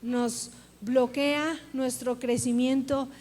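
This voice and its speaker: A woman's voice: high voice, little pitch movement, takes it slowly, darkish tone. A woman pastor preaching a sermon in a church, speaking earnestly and putting questions straight to her congregation. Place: church sanctuary. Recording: long church-hall reverb.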